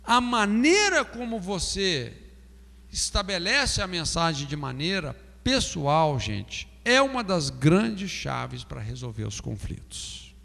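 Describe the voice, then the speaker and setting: A man's voice: high-pitched, very animated, slow pace, vocal fry, pushed and bright, in a large hall. A Brazilian man teaching a pastoral counseling class, asking "não é?" often and acting out example phrases. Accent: Brazilian Portuguese. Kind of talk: classroom lecture.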